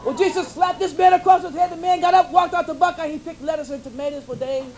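A man's voice: extremely high pitch, steady tone, quick pace, background noise. A man doing a stand-up routine as a preacher, with a preaching cadence and folksy slang on a live comedy stage.

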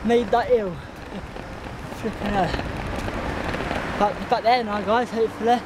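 His voice sits high, with fairly even intonation and an unhurried pace, as this English man in his twenties vlogs casually from his bike on suburban roads. The chat to viewers is rambling and informal, caught on a handheld camera at arm's length amid heavy wind and traffic noise.

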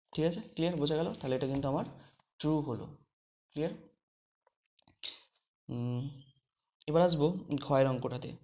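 A man teaching a maths lesson online. He explains each step and keeps checking whether the class has understood. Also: on the high side. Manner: explains step by step, asks the class questions often.

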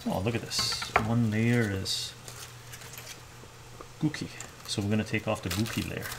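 A man's voice: lowish voice, fairly even intonation, a little slow, vocal fry, very noisy. A middle-aged man hosting a cooking livestream from his home kitchen, chatting casually and ending his sentences with "right?". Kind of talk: casual chat while cooking.

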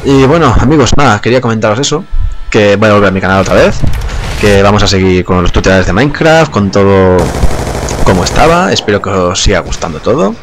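Over a din of game gunfire and explosions, a young male YouTuber with a low voice talks briskly through his gameplay. He's easygoing and talkative, swearing casually and often breaking into laughter.

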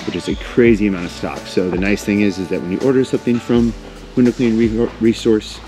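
Deep-voiced man giving a warehouse tour. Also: steady tone, fast talker, dark tone, soft background music. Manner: upbeat, enthusiastic. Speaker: vlog host. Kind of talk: casual walk-and-talk tour. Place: large warehouse. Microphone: lapel.

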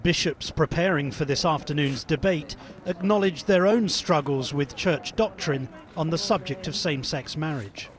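A man, a religious affairs correspondent, narrating a scripted news report in a measured, formal way. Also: on the high side, slight background noise.

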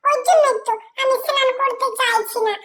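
A woman's voice: brisk, fairly bright tone. A woman voicing a playful little boy god who whines and giggles about a cold bath, in a doll role-play vlog. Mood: complaining. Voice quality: high childish squeal, giggly. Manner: whiny and pleading, breaking into giggles.

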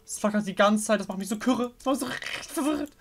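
A man's voice: sits high, quick pace, noisy background. German man, young adult, let's play commentary, jumpy, mutters and yelps. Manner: jumpy, talks to the game characters, mutters under breath. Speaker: gaming video host.

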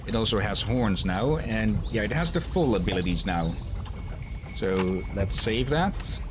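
A middle-aged man giving casual live game commentary, thinking aloud in a halting way as he plays. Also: mid-range voice, background noise. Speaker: game streamer. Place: small cluttered room at home. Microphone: headset.

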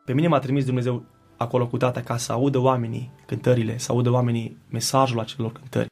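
Creaky-voiced man giving earnest testimony. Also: medium pitch, monotone, a little mellow, faint music behind. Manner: earnest, reflective, with hesitant restarts. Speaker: guest singer. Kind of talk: personal faith testimony. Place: TV studio.

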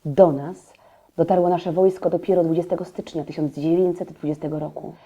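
Woman playing a dark-voiced, earnest 1920s newspaperwoman. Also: lowish voice, fairly even intonation, brisk, lightly acted. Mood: earnest, reflective. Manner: reflective, dramatic storytelling. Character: earnest 1920s newspaperwoman recalling what she witnessed. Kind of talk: theatrical historical audio drama.

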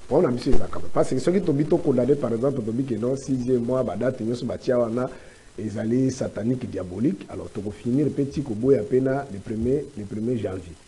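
A man with a Congolese accent giving preachy commentary on church life in a studio discussion. He quotes scripture and lectures at length, with halting restarts. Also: medium pitch, mellow, slight background noise. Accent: Congolese French.

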